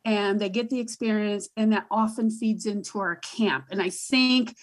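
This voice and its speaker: A booming-voiced woman, a guest advocate in a panel discussion, talks at normal speed in a steady tone. She is emphatic and tends to repeat herself while she sorts out her ideas.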